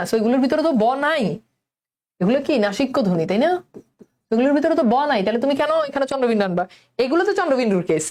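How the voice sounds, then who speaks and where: A young woman teacher with a Bangladeshi Bengali accent leads an online lesson. Her voice sits a little high, and she coaxes her students along. She quizzes them often and repeats key words slowly. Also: darkish tone. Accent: Bangladeshi Bengali, colloquial.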